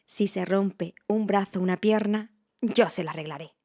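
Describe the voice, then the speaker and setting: A woman voicing a kind, helpful little bear cub in a storybook, talking in a warm, reassuring way. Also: medium pitch, moderate pace, dry recording, studio quality, close to an everyday voice.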